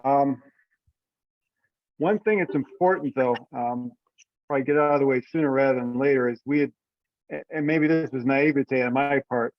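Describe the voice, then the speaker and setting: On an online teleconference with dull, lo-fi audio, a man organizing an event goes through the rules casually, thinking aloud and hesitating. His mid-range voice moves at a normal speed with frequent pauses, and there's no room sound.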